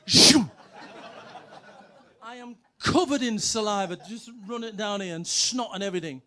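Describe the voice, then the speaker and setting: A man's voice: sits high, a little fast, fairly bright tone. A middle-aged man, a former footballer, telling brash comic anecdotes with sweary punchlines. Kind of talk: comic anecdotes, stand-up storytelling.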